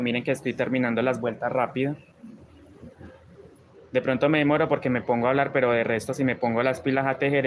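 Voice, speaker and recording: A man's voice: mid-range voice, background noise. A man with a Colombian paisa accent teaching crochet on a live stream, chatting and reading viewer comments as he works.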